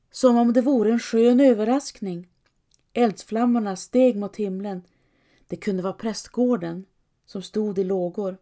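A woman narrating a story in the first person, in a measured, intimate storytelling manner. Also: mid-range voice, warm tone. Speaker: audiobook narrator.

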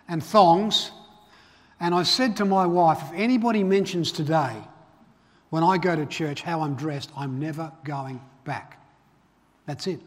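A middle-aged pastor from Northern Ireland, born in Ireland and raised in Australia, gives a sermon in a church auditorium in a relaxed, conversational way, with fillers and restarts. His voice is on the high side, and the church hall is reverberant.

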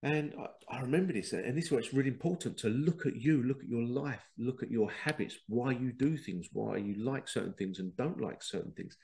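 A podcast host with a head cold rambles through a casual spiritual monologue, often acting out quoted exchanges. His congested, gravelly voice sits mid-range and sounds a little mellow. He talks a little fast, with hardly any pauses.

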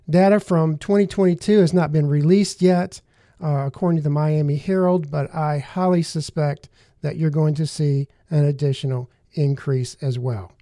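An earnest male talk-show host with a mellow, somewhat higher voice. He talks his listeners through the subject with many fillers and restarts. The sound is dry and close. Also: dry recording.

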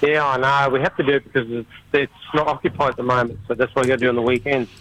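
A man's voice: medium pitch, little pitch movement, rapid-fire, a bit bright, low-quality recording. An Australian man calling a radio show for a casual chat over the phone. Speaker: phone-in caller. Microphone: telephone.

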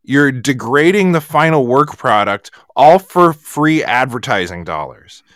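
A man hosting a podcast, his voice smooth and resonant against a dead-dry sound. He talks in casual chat, animated and ranting, swearing freely. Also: mid-range voice, unhurried, dry recording. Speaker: podcast host.

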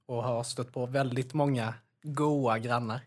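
A man's voice: medium pitch, steady tone. A man co-hosting a casual podcast chat, telling anecdotes with dry irony and casual swearing. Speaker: podcast co-host.

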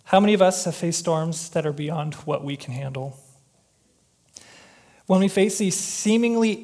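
Chatty man preaching, slightly higher voice. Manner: relaxed and chatty, with joking personal asides. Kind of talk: conversational sermon.

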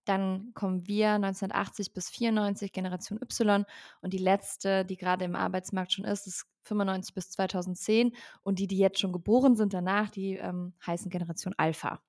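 A young woman in her twenties speaks as a podcast guest, explaining at length in a fluent, explanatory manner. She often fills pauses with ähm, and her pitch sits in the middle range. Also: flat delivery, darkish tone. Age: 20s. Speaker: guest, founder. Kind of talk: podcast interview.

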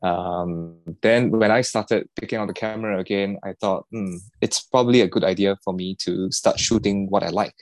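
A man answering podcast questions in a relaxed, halting way. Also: on the low side, dry recording. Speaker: podcast guest, watch collector. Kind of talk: casual interview answers.

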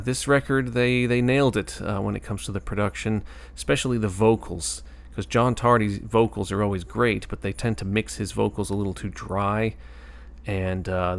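A man hosting a music show in casual, conversational commentary, his tired, dry-throated voice carrying some vocal fry. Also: on the low side.

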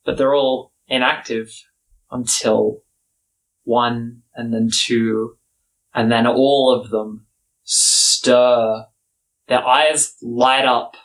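A man narrating a tabletop game as game master, with dramatic, measured storytelling. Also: medium pitch, fairly even intonation, a bit bright, poor audio.

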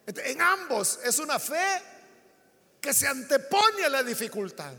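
High voiced guy preaching, bright tense tone, big echoey church hall. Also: very animated, measured pace. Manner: impassioned, acts out biblical dialogue. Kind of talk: sermon.

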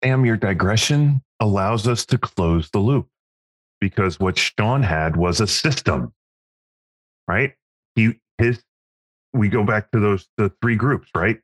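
A man co-hosting a business podcast, making points about systems and customers with wry, teasing asides. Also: on the low side. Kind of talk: casual business chat.

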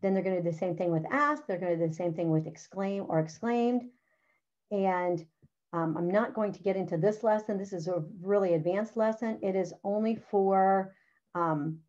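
A middle-aged woman with a mid-range, darkish voice presents a writing curriculum, walking other teachers through a lesson. She keeps things practical and conversational, leaning on "all right" and "okay," and the sound is slightly dull and lo-fi.

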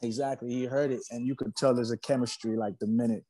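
Man from haiti, musician guest, relaxed slangy chat, dry close sound. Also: mid-range voice, fast talker, no echo, poor audio. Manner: laid-back, slangy, repeats himself. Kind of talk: casual interview talk.

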